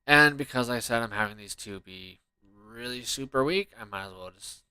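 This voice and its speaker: A man's voice: mid-range voice, moderate pace, sharp tone, clear, resonant tone, no echo. Male gamer, casual commentary, grumbling and profane, mutters to himself, dry recording. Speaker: gamer playing and commenting on a game.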